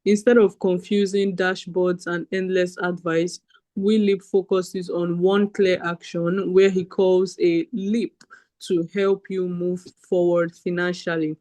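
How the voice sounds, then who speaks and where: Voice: mid-range voice, flat delivery, slow pace, a little mellow, no room sound. A podcast host who introduces the guest and asks questions in an upbeat, chatty way with fillers. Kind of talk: casual podcast interview.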